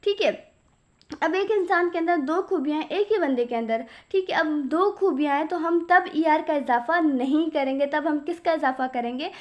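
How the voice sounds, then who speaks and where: High-voiced woman teaching grammar. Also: moderate pace. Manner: repeats questions to students and answers them; mixes English terms into explanation. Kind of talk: grammar lesson.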